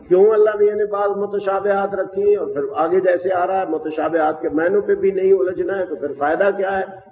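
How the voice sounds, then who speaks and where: A man with a fairly high voice delivers a slow, methodical lesson and keeps pausing to lay out each point. He sounds far from the mic, in a roomy hall with a long echo. The recording is dull and muffled, with a faint hiss behind it. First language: Urdu. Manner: explanatory, methodical, pauses often. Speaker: teacher of Quranic Arabic grammar. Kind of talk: classroom lecture.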